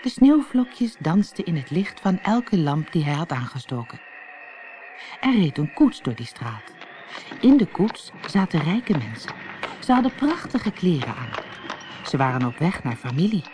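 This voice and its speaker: An audiobook narrator with a mid-range voice reads a children's fairy tale, telling it expressively and with clear pacing. The delivery is unhurried, and there is slight background noise.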